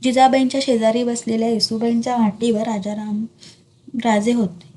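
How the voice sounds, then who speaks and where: A woman's voice: fairly high pitch, flat delivery, moderate pace, mellow. A woman steadily reading a historical novel aloud as narrator.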